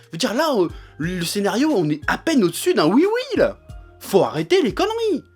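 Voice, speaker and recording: A man's voice: sits high, huge pitch swings, normal speed, darkish tone, slightly rough. Young guy raging like an angry gamer, sweary rant, voice jumping all over, music behind him. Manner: raging gamer-style ranter, irate, sweary, exasperated. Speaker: anime episode reviewer. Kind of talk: ranting video commentary.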